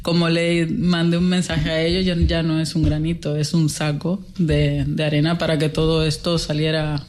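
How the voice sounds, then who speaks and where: A woman's voice: low-pitched, level tone, moderate pace, hardly any pauses, a little mellow. A woman from the Republic, talking emphatically as a guest organizer and repeating words for stress. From Dominican Republic. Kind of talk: casual interview talk.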